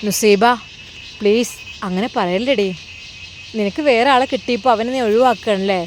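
A woman's voice: mid-range voice, moderate pace, slight background noise, close to an everyday voice. A woman voicing a young woman friend who coaxes and presses insistently. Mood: coaxing. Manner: coaxing and insistent.

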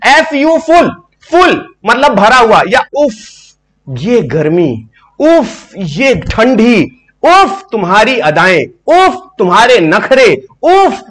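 Brief: young male teacher, very high voice, playful live online class, banters with chat. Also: a bit bright. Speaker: reasoning teacher.

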